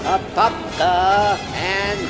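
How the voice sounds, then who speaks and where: A high-pitched male boarding announcer acted by a man calls the stops over a station intercom with slow, stretched-out delivery. It sits inside a parody radio ad, with music playing underneath. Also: flat delivery, poor audio. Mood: announcing. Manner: drawn-out announcing of stop names.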